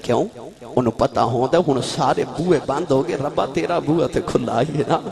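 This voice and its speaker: A man's voice: medium pitch, vocal fry. A man preaching a sermon, telling a story with passion and calling out to the young men listening. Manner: impassioned, addresses the young men of the audience directly. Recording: live crowd audible. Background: audience crowd sounds.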